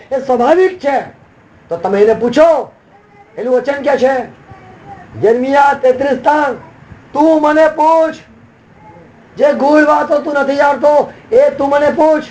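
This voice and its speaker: A man's voice: very high voice, darkish tone, slight background noise, rough recording. A man preaching a sermon as a pastor, with sudden emphatic rises and repeated refrains.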